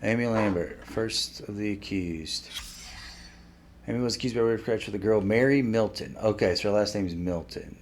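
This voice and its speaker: Man, low voice, casual let's player, thinks out loud, some background noise. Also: normal speed. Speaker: video game let's player. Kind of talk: casual gameplay commentary with reading aloud.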